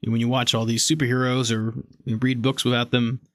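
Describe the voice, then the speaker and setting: A man's voice: medium pitch, level tone, fairly quick, fairly bright tone, no room sound. Chatty man on a dry mic. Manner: enthusiastic, laughs often. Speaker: podcast co-host. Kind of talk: casual chat.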